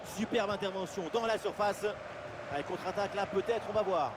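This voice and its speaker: A man giving excited football commentary as play-by-play, with exclamatory calls. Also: sits high, fairly quick. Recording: loud stadium-like background noise.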